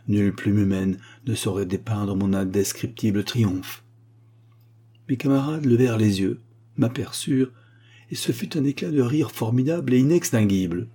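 A man narrating a literary story as an audiobook, in a measured, expressive storytelling manner with a husky voice. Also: on the low side.

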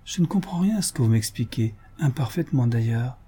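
Man reading flustered married gentleman, hesitant, stammering, warm, husky, audiobook. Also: medium pitch, expressive, fairly quick. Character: flustered, timid middle-aged married bourgeois man. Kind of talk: audiobook character voice.

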